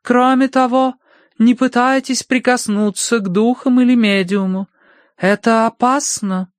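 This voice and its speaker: A man voicing a theatrical, imperious woman spirit medium who speaks in slow, grave commands. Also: very high voice, fairly even intonation, no echo, clean studio sound, pitched above the performer's own voice. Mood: solemn commanding.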